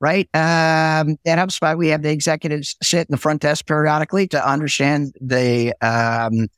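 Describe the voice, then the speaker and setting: Middle-aged man, high voice, energetic storyteller, guest on a business chat, dry close mic. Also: moderate pace, clear, resonant tone, no echo. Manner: animated storyteller, lively and talkative. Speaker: podcast guest, sales executive. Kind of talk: casual interview chat with storytelling.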